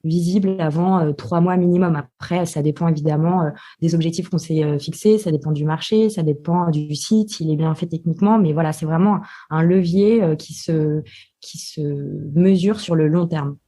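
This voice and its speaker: A woman's voice: sits low, normal speed, warm tone, slightly rough. A woman guest in a podcast interview, explaining carefully with many hesitations. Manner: hesitant, many filler sounds, methodical explaining. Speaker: podcast guest, marketing specialist.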